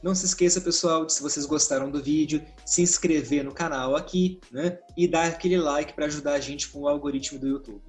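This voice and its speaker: A man with a somewhat high voice explains Latin pronunciation in a casual, chatty way and keeps checking in with his listeners. Faint music plays softly behind him. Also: a little fast, hardly any pauses. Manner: relaxed, conversational, often adds "né?" as a check-in. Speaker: Latin teacher.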